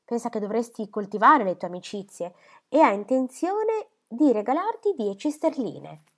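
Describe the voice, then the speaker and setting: A woman voicing a gentle, earnest young woman in a storybook reading, soft and coaxing. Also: a little high, very animated, moderate pace, voice pushed up.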